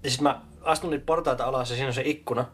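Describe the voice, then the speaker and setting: A man's voice: mid-range voice, fairly even intonation, a bit bright, breathy edge. Man playing a tabletop game, hesitant. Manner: casual, hesitant with frequent fillers. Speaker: player. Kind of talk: tabletop role-play, describing his character's actions.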